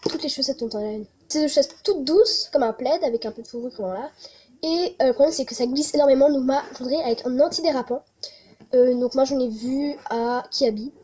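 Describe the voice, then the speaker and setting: A woman's voice: sits high, a little fast, mellow, husky. A young woman, chatting casually through a holiday wishlist vlog, with many hesitations. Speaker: vlogger.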